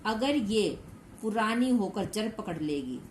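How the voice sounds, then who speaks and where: A woman's voice: mid-range voice, animated, takes it slowly. A woman teacher who reads a story aloud to young pupils, retells each line in simple words and asks the class questions. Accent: Hindi. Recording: echoey room with faint background noise.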